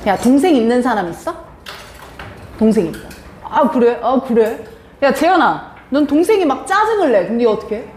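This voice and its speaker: A woman's voice: on the high side, normal speed. A woman English teacher giving a live classroom lesson, quizzing and teasing her students as she goes. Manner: lively, questioning students, teasing. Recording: echoey classroom with faint hiss.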